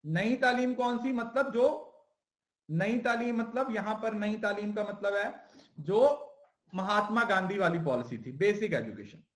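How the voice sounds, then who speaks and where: A man's voice: high-pitched, measured pace, fairly bright tone, roomy sound. A male teacher giving an exam-prep lecture in Hindi mixed with English, who asks questions and answers them himself and repeats the key terms.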